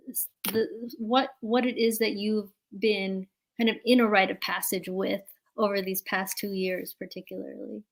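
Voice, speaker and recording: A woman's voice: mid-range voice, creaky. A woman hosting an online conversation, asking questions in an encouraging way while searching for her words. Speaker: host.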